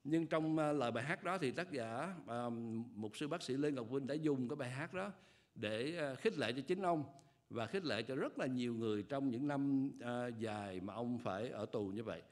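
An older man preaching a sermon at a church pulpit, speaking in a measured, earnest way with frequent hesitation fillers. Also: mid-range voice, lively intonation. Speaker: pastor. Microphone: pulpit microphone.

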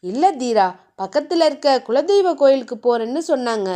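Woman doing a soothing old granddad in a novel reading, lively pitch. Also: moderate pace. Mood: reassuring. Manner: reassuring, hesitant. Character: calm elderly grandfather, soothing.

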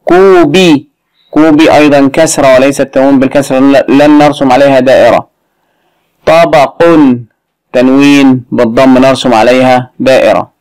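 A man's voice: medium pitch, little pitch movement, fast, a little mellow, no room sound. Patient male teacher, dry close sound. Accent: Egyptian Arabic. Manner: patient, explains step by step with questions. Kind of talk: recorded lesson walkthrough.

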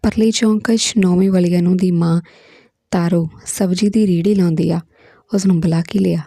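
A woman's voice: lowish voice, steady tone, no room sound, studio quality. A woman reading the lines of a bossy, hot-tempered female teacher who speaks sharply and gives orders. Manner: sharp, commanding, quick to anger.

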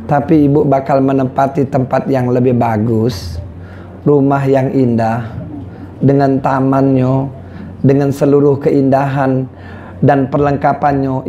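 A man with a Palembang Malay accent preaching a sermon, swinging from loud calls to low, quiet lines. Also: highs cut off, slight background noise.

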